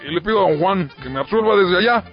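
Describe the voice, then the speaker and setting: A man with a Mexican accent playing a crude, bigoted older politician in a radio comedy sketch, gruff and blustering. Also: high voice, animated, fast talker, faint music behind. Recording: lo-fi radio broadcast.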